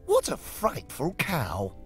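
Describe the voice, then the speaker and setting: A man's voice: a little high, huge pitch swings, slow, faint music behind, pitched above the performer's own voice, exaggerated voice. A man voicing an impatient, greedy young girl for a comic storybook game, in a prim, theatrical, whiny way. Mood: indignant. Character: frightful young girl trapped in a snow globe, impatient and greedy.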